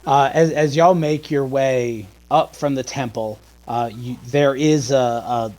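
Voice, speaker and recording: Halting male game master. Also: medium pitch, steady tone, darkish tone, rough recording. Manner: halting, restarts often while describing. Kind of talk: narrating a tabletop game.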